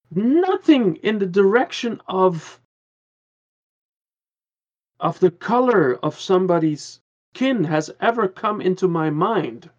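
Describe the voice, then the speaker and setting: A Caribbean man with a high-sitting voice appears as a guest in a casual podcast conversation, and the audio sounds dull. He speaks earnestly and rambles, restarting often.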